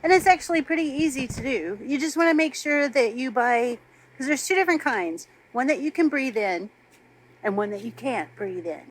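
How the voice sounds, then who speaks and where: Woman, co-host, casual chat, upbeat, laughs easily, high-ish voice, hiss behind. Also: animated, moderate pace. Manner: chatty and upbeat, laughs often. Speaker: co-host of an RV living channel.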